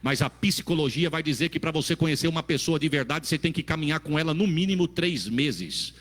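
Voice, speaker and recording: Fervent preacher. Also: male voice, a little high, lively intonation, brisk, long reverb tail. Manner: fervent, folksy preaching with swings from loud to quiet. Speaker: pastor. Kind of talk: sermon.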